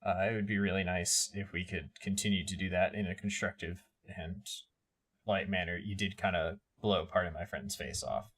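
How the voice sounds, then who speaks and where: A man voicing a nervous, wary male guard who talks low and hushed, stumbling over his words as he pleads. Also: little pitch movement. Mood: placating. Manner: low, hushed and hesitant, with halting repeats.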